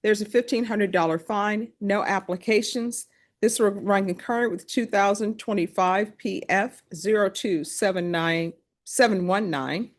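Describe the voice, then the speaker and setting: A woman judge presiding in a courtroom, running through formal legal admonishments in a brisk, practiced way. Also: mid-range voice. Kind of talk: courtroom proceedings.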